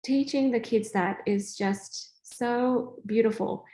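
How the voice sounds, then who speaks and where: A woman's voice: fairly high pitch, takes it slowly, low-quality recording. A woman from Australia, hosting and talking casually as a spiritual coach, acting out family dialogue in a chatty way. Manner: chatty, acts out family dialogue in lively voices. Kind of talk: casual teaching talk.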